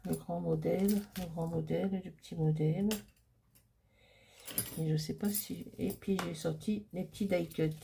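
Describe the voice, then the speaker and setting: A middle-aged woman crafter talking casually through a paper-crafting project, chatty and hesitant, with many pauses and fillers. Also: on the low side, fairly even intonation, creaky, background noise.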